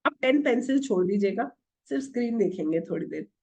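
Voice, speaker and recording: Animated and quick, a middle-aged woman runs an online tarot class by video call in Hindi laced with English. Her slightly high voice is gravelly and warm, and she asks the group questions only to answer them herself.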